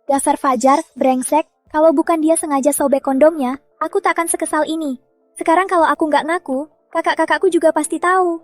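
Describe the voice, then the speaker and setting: High, dry-voiced woman playing a spoiled schemer, defensive and stammering, over faint music. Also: steady tone, brisk, darkish tone, no echo, close to an everyday voice. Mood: resentful. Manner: defensive, stammering when cornered. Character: spoiled scheming young woman, adopted daughter. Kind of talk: dubbed drama acting.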